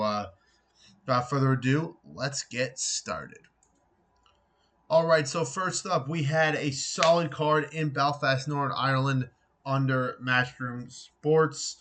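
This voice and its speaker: A man's voice: mid-range voice, sharp tone. A man hosting a boxing recap show, talking casually with many fillers and restarts as he runs through the weekend's results.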